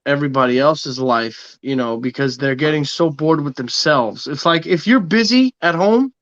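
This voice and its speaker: A man's voice: on the high side, lively intonation, normal speed, a bit bright, no echo, highs cut off. Emphatic ranting man in his thirties. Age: 30s. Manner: emphatic, preachy, swearing. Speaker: podcast host. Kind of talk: casual podcast rant.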